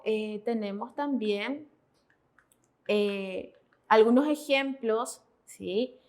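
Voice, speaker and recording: A woman teaching Korean pronunciation in Spanish, methodical and often checking in with her students. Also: a little high. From Paraguay. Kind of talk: classroom explanation.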